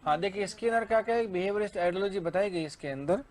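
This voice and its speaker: A man's voice: high-pitched, quick pace, a little mellow. A male teacher giving an exam-prep lecture, asking and answering his own questions and reading English lines in a Hindi accent.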